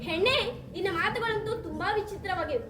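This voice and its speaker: A young woman on stage voicing a stern, disgraced king who guards a cremation ground, speaking in lowered, measured commands. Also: a bit bright, slight background noise. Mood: scornful. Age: late teens. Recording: echoey hall.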